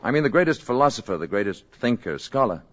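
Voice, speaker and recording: In the style of a 1950s radio drama, an actor plays a polite alien visitor passing himself off as an ordinary man, calm, soft-spoken and assured. His voice is mid-range, very animated, and he talks fast.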